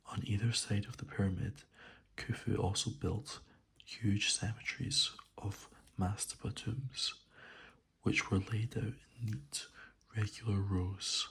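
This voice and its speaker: Male ASMR reader: hushed, breathy half-whisper with a gravelly creak, slow, gentle, unsure delivery. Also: fairly low pitch. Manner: gentle, hesitant, unhurried. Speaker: ASMR video host. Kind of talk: soft-spoken ASMR reading.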